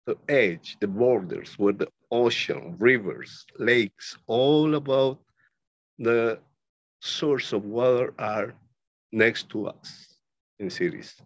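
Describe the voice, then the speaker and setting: A man speaks slowly, stopping often and piling up lists of words as he explains his paintings. The recording is dry and close, without room echo. The sound is a little dull and lo-fi. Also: lowish voice. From Ecuador. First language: Spanish. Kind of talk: casual talk about his own paintings. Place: his art studio.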